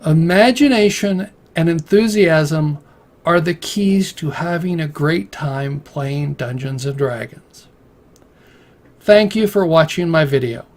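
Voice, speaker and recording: A man narrating a scripted explanation in a measured, read-aloud way, now and then restarting a word. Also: a little high, a little mellow. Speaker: video creator explaining a game.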